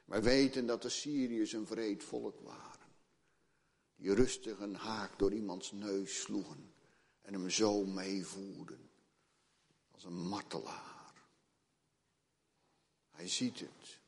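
A pastor preaching a sermon in a church, dramatic and earnest, acting out the people in the story with rising urgency. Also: male voice, lowish voice, fairly even intonation, slow pace, pauses often. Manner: dramatic, retells the story with emotional voices, rises to loud pleading. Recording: long church reverb.

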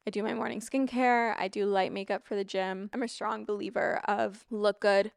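A young woman talks casually, like a lifestyle vlogger, and drifts into informal asides. Her voice is clean and smooth with a noticeable vocal fry and slight rasp, recorded close and dry at an average pitch. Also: steady tone, normal speed, no room sound. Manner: informal, frequent asides and digressions. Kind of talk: casual, chatty spoken routine rundown. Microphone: close microphone, wearing wired headphones.

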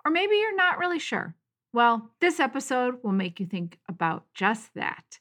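A woman's voice: on the high side, normal speed. A middle-aged woman hosting her own podcast, talking through a personal story in an encouraging, storytelling way. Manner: warm, encouraging, storytelling with lively quoted voices. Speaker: podcast host. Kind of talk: casual solo podcast monologue.

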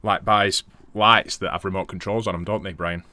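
A man's voice: low voice, steady tone, moderate pace, sharp tone, slight background noise. A man co-hosting a podcast in casual chat, laughing often and swearing. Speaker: podcast co-host.

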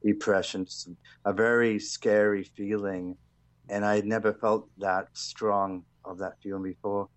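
A man speaking as an interview guest, casually and haltingly telling an anecdote. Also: lowish voice, level tone, dry recording.

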